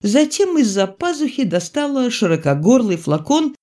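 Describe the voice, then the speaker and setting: A woman narrates a literary audiobook. Her voice moves widely and expressively across the pitch range. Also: big pitch swings, normal speed, mellow. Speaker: audiobook reader.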